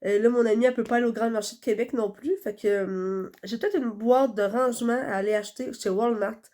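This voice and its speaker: A young vlogger with a Quebec French accent talks casually to her phone camera while stuffed up from a cold, rambling with lots of fillers. Her warm voice is on the high side with fairly even intonation and a fairly quick pace.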